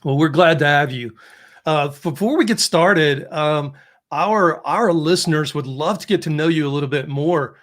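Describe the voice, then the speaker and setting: A man's voice: a little high, moderate pace, fairly bright tone. A man hosting a podcast, reading out a guest introduction and then interviewing her with short encouraging replies. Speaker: podcast host.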